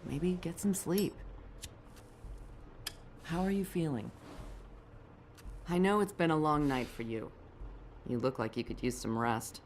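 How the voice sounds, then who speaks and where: A woman's voice: low voice, unhurried, pauses often, darkish tone, a little hiss or hum. An actress playing a weary, placating female police detective in a video game, coaxing yet firm.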